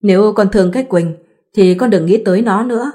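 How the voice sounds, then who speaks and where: A woman's voice: mid-range voice, fairly quick, mellow, natural voice. A woman voicing an older village mother who fusses and scolds in a read-aloud story. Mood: gentle. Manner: scolding, fussing.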